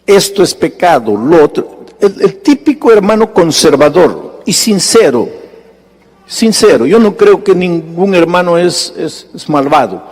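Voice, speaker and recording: Male pastor, slightly high voice, sermon with acted-out dialogue, long reverb of a big hall. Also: very animated, a little slow, a little mellow, husky. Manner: storytelling preacher, acting out dialogue with sudden high-pitched bursts.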